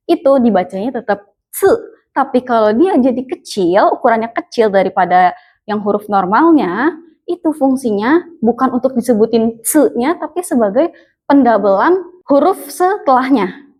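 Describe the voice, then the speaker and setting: A young woman, patiently teaching a language lesson and repeating sounds slowly for learners. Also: on the high side, darkish tone. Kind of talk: explaining lesson to viewers.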